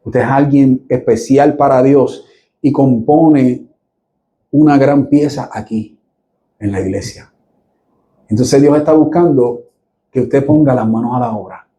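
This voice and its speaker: A man's voice: mid-range voice, measured pace, pauses often, slight background noise. A middle-aged man, preaching a sermon to a church and speaking straight to his listeners with humor. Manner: lively, jokes with the congregation, addresses listeners directly.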